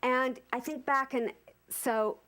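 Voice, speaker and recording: A woman in her fifties gives an informal sermon at a spiritual center, talking straight to the congregation. She is animated and circles back on her phrases for emphasis. Her voice sits a little high for a woman. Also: slow. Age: 50s. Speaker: speaker at a spiritual center service.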